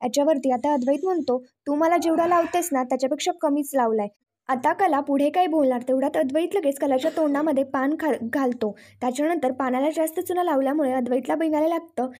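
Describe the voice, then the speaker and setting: A woman with a high voice tells the events of a serial episode as a recap. She keeps a steady storytelling flow. Her narration moves scene by scene. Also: fast, few pauses.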